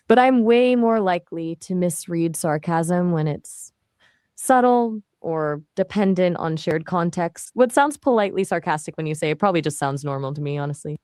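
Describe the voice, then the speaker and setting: A synthetic woman's voice of an AI assistant, answering questions in a relaxed, chatty way with casual fillers. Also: on the low side, dry recording, studio quality.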